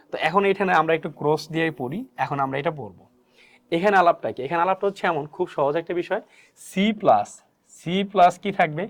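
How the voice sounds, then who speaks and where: A man teaching English pronunciation as a lesson, asking questions and answering them himself and repeating key words. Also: on the high side. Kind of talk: spoken classroom lesson.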